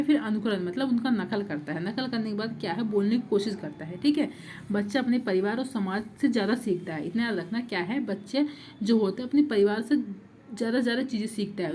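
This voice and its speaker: A woman's voice: fairly high pitch, darkish tone, a little hiss or hum. Woman teaching with repeated rhetorical questions. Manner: repetitive, rhetorical questions, frequent 'thik hai'. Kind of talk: exam-prep lecture.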